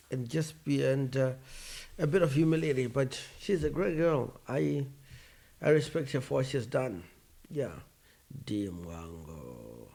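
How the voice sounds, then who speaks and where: A man's voice: medium pitch, creaky, dark tone, husky. A man giving casual, frank, opinionated commentary on online personalities, often breaking into exclamations. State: tired, yawning. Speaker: online commentator reviewing YouTubers.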